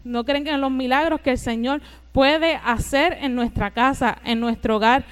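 Woman preacher, high clear voice, fervent sermon delivery, drawn-out emphasis on key lines. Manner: fervent, rising to emphatic repeated declarations; stretches key phrases slowly for emphasis.

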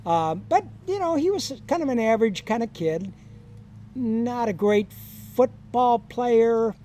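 An older man telling stories from his years as a high school counselor in a casual podcast chat, chuckling and acting out the quoted lines. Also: animated, takes it slowly, mellow, soft background music. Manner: chuckling anecdotal storyteller, acts out quoted lines.

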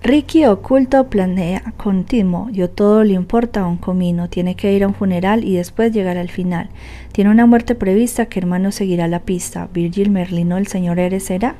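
A woman voicing a cold, taunting male psychoanalyst who speaks in a calm, clinical way. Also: medium pitch, normal speed, close to an everyday voice. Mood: mocking rhyme.

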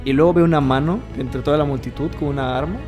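A co-host with a Mexican accent tells a party story in casual chat, vividly acting out quotes, voices, and sound effects. His voice is a little high with a steady tone and a fast pace, heard over music.

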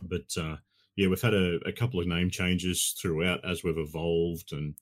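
A man's voice: low voice, steady tone, normal speed. A middle-aged Australian man chatting casually as a podcast guest in a laid-back, blokey, matey way. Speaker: podcast guest and gaming podcast host. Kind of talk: casual chat.

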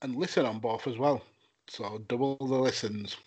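A man's voice: medium pitch, steady tone, moderate pace, darkish tone, slightly rough. A man with a northern English Lancashire accent, chatting casually on a podcast. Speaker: podcast co-host.

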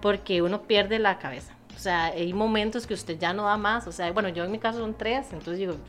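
A woman with a Costa Rican accent in casual conversation, lively and expressive as she talks. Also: mid-range voice, brisk, soft background music. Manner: animated, acts out quoted voices.

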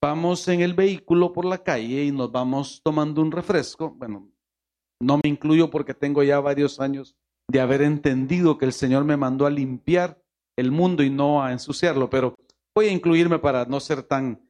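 A man's voice: a little high, moderate pace, darkish tone. A man from Honduras with a Honduran Spanish accent, a pastor who prays with pleading repetition and then preaches, asking the congregation rhetorical questions. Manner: pleading, repeating "Señor" in prayer. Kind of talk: sermon with prayer.

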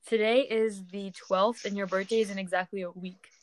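A woman's voice: medium pitch, steady tone, normal speed, low-quality recording. A woman hosting a casual podcast interview, asking friendly, chatty questions. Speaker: podcast host.

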